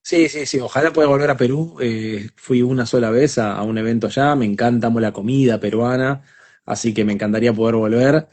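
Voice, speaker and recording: A man's voice: mid-range voice, brisk, darkish tone. A man being interviewed as a guest voice actor, talking in a reflective, casual way with frequent small restarts.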